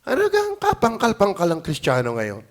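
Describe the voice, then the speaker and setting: A male pastor preaching at a prayer meeting, swinging from quiet, drawn-out scripture reading to loud shouted exhortations and repeated calls of "Amen?" to the church. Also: high voice, wildly swooping pitch. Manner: mixes scripture read slowly in English.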